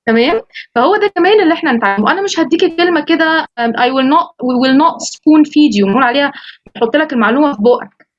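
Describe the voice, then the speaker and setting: An Egyptian woman who teaches English talks fast in a high voice, with the highs cut off, and an Egyptian Arabic accent while giving an online course orientation. She's lively, quotes students in animated voices, and switches into English phrases.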